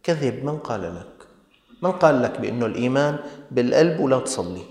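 A man's voice: mid-range voice, lively intonation, quick pace, a little mellow. A man with a Levantine Arabic accent preaching a sermon, scolding his listeners with pointed rhetorical questions. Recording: echoey hall.

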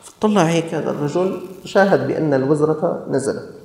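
A man's voice: mid-range voice, brisk, darkish tone. A man preaching a sermon in an earnest, rhetorical storytelling manner, with echoey hall reverb.

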